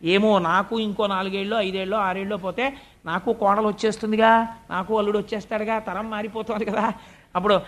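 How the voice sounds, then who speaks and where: In a level, somewhat bright tone, a high-voiced male preacher moves along fairly quickly through a devotional sermon. He recounts scripture like a conversation, addresses listeners politely, and slips into the voices of sages and relatives he quotes.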